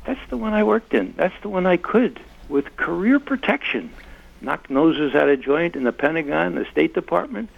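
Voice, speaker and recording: A man's voice: fairly high pitch, expressive, normal speed, vocal fry, breathy edge, narrow, tinny audio. An older man, a former intelligence analyst, speaking as an interview guest in an impassioned, emphatic way. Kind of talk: conversational interview.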